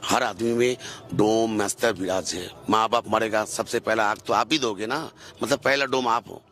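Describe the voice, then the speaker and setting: A tantric practitioner answering interview questions in slow, emphatic, lecturing speech with plain rustic phrasing. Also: mid-range voice, fairly even intonation, a bit bright.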